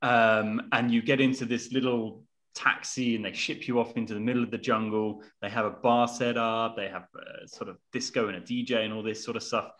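Young man, mid-range voice, lively self-mocking storyteller, video call from home. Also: medium pitch, fairly quick, hardly any pauses. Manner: animated, self-mocking, acts out quotes. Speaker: podcast co-host. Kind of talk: casual storytelling. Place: room at home.

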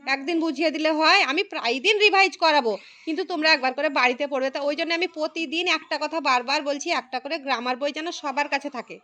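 A woman teaching a room of young pupils in a very high, bright voice. She calls on each child by name, patiently repeats the key phrases and encourages every answer. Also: a little fast. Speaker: primary school teacher. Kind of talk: classroom lesson.

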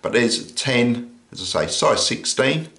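This older British man speaks at a medium pitch in an echoey room, calmly walking through a survival kit item by item with plenty of "uh" pauses. The casual show-and-tell takes place at an indoor table. An overhead camera captures his hands while he stays off screen.

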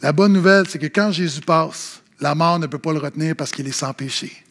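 Speaking a little fast in a somewhat high voice, with background noise present, a man with a Québécois French accent preaches as a pastor. His sermon features funny, animated anecdotes in which he performs the voices of those he quotes.

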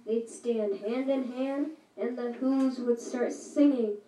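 A woman reading a rhyming story aloud at a school shadow puppet show, slow and rhythmic. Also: on the high side, fairly even intonation, warm tone, slight background noise. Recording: echoey room from far off.

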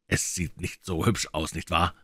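A man reading an audiobook and voicing a fawning old male bookseller with a croaking voice. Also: sits low, little pitch movement, a little slow, sharp tone, no room sound, studio quality, exaggerated voice. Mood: ingratiating.

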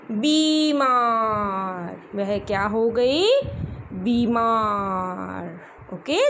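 A woman teaching young children, reading words slowly syllable by syllable and mixing in words. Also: sits high, slight background noise, low-quality recording. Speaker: primary school teacher. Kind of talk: slow classroom lesson.

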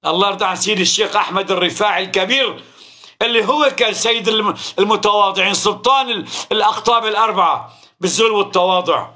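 Emphatic high-voiced Syrian preacher. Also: male voice, pushed and bright. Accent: Syrian Arabic. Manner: emphatic, fires rhetorical questions and acts out short dialogues. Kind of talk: Ramadan sermon on the Quran.

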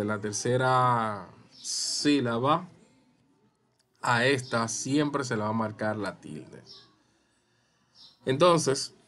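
A man's voice: medium pitch, fairly bright tone. A man teaching a spelling lesson, explaining each example step by step and repeating the rules as he goes. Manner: slow, step-by-step explaining with repetition.

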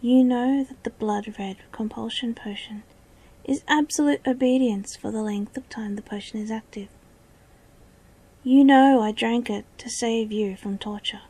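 A woman voicing an entranced young princess, cold and obedient, in a monotone voice. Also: on the high side, measured pace, slightly rough.

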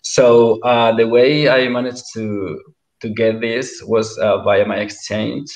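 A man's voice: mid-range voice, flat delivery, takes it slowly, darkish tone. A man, a panel guest, who speaks hesitantly and repeats words as he searches for them, on a video call. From Bilbao, Spain. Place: home room, indoors. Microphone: video call webcam. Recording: roomy, dull video call audio.

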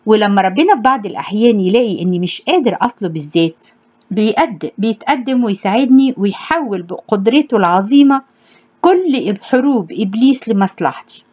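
A woman's voice: mid-range voice, lively intonation, fairly quick, a little mellow. Earnest woman teaching in Egyptian Arabic. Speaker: religious teacher. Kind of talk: spoken sermon with scripture reading. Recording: dull lo-fi recording.

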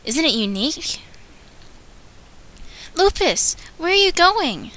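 A young woman voicing an excited young she-wolf with a raised, eager voice. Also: slow, full character voice. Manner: high, eager, wondering.

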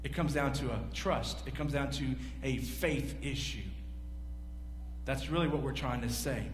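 This pastor in his forties speaks in a mid-range voice at a slightly slow pace, asking his congregation questions during a sermon. Animated, he walks around the big church stage and gestures. Recorded in an echoey hall with a faint hum.

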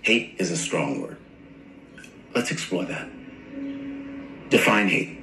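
A calm older male therapist. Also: creaky, roomy sound, noisy background, full character voice. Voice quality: deep, slow and calm. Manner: measured, softly probing. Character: gentle older male therapist grieving a lost daughter. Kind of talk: scripted drama clip.

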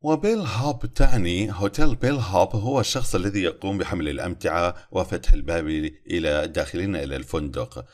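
A man teaching English in a recorded lesson, reading English phrases slowly and then explaining them quickly in Arabic. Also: low voice.

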